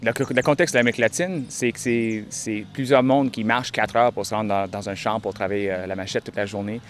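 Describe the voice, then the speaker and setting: A young man, answering interview questions in a halting way, often repeating words. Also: on the low side, fairly even intonation, a little hiss or hum. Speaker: touring cyclist interviewee.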